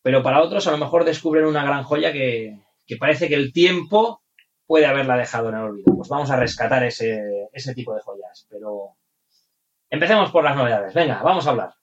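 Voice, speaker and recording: A man's voice: mid-range voice, lively intonation, fairly quick. A man hosting a podcast in a conversational presenting style. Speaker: podcast host. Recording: dull, lo-fi microphone sound.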